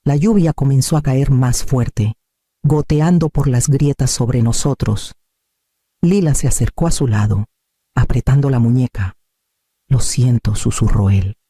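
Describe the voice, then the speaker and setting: Male storyteller, very dark tone, dry close sound, steady and measured delivery. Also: mid-range voice, no room sound. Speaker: narrator. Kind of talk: scripted first-person narration.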